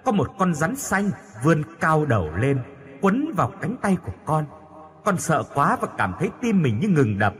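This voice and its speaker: A man reading the part of a young dead daughter's tender spirit, speaking softly and pleadingly. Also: fairly high pitch. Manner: soft, pleading.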